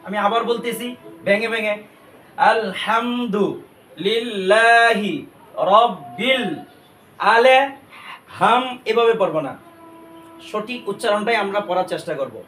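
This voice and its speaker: A man teaching Quran recitation step by step, explaining each sound and drawing phrases out slowly. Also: high-pitched, fairly bright tone, roomy sound, recorded from a distance, slight background noise.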